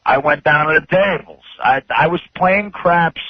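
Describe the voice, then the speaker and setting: A man, a regular on the show, telling a rambling story in casual radio chat with halting restarts. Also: a little high, dry recording. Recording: dull dry radio studio sound.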